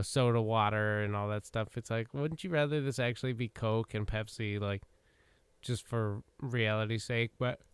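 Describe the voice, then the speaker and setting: Man, game streamer, casual rambling chat, swearing, hiccups, very clear voice, dry sound. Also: mid-range voice, no echo. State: has the hiccups. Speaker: livestream host.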